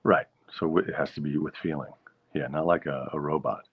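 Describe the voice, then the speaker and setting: A man's voice: a bass voice, fairly even intonation, a little fast, husky. A man hosting a casual stream, reading viewer comments aloud and musing over them in a wry, easygoing way. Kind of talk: casual chat. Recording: dull lo-fi sound.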